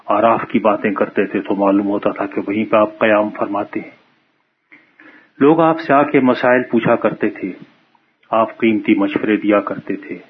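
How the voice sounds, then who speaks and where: A man retelling a translated story from memory in a lively, conversational way. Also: lowish voice, slight background noise. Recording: muffled phone-like radio sound.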